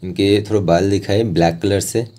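A man with a very mellow, low voice walks through an art tutorial one step at a time. Speaking at a normal pace in a steady tone, he explains each stage plainly and informally, like an instructor.

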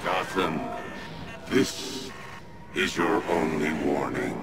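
An actor playing a cold, menacing villain in a video game with a gravelly voice. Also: male voice, very deep voice, slow pace. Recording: loud game music behind.

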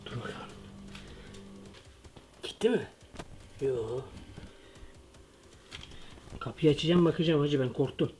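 A young man in a comedic parody vlog, talking in an excitable, slangy way with jumpy asides. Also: fairly high pitch, slow pace, pauses often, soft background music. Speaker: comedy vlogger.

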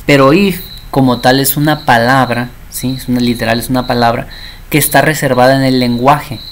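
A man's voice: mid-range voice, gravelly, a little hiss or hum. A man teaching a programming class, chatty and constantly checking that his students understand. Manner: acts out little dialogues. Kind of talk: programming lesson.

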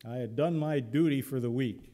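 Telling Bible stories with humor and acted-out voices, this pastor delivers a conversational sermon inside a church sanctuary. He speaks at normal speed in a dark, medium-pitched voice, with long church reverb around him.

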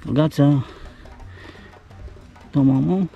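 A middle-aged man with a Réunionese French accent, casually narrating as he digs larvae from rotten wood in a forest, then fries them at home, explaining in a plain, halting way. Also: a little high, gravelly, highs cut off, faint music behind. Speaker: outdoor video host. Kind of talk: casual narration while foraging and cooking.

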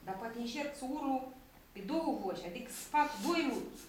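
A woman's voice: high voice, animated, darkish tone. Ion, a young shepherd full of eager schemes, pleads and plots in a wheedling tone, as a woman reads him from her script. She sounds distant, in a strongly echoing room. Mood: weary.

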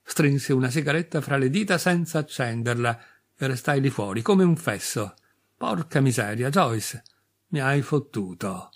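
A man narrating an audiobook in a measured first-person storytelling voice with a dry, bitter edge. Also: mid-range voice, expressive. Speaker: audiobook reader.

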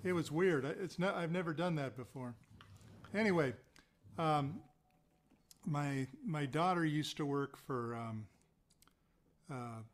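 A man's voice: on the high side, a little slow, pauses often. A man chatting at an online open mic, telling a rambling story full of asides before his song, over a video call. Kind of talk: casual chat on a video call.

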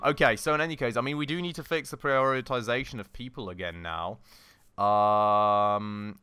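A man hosting a let's-play, thinking aloud with many fillers and self-corrections, his voice slightly husky from a recent illness. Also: lowish voice, pushed and bright. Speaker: gaming channel host. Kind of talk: casual let's-play commentary.

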